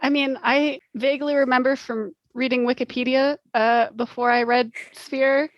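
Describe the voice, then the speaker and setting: A woman chats informally about books as a co-host. Her voice sits a touch higher than average and her delivery is wry. The recording is close and dry, free of room echo. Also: steady tone, normal speed, lo-fi sound. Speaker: book podcast co-host. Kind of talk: casual chat.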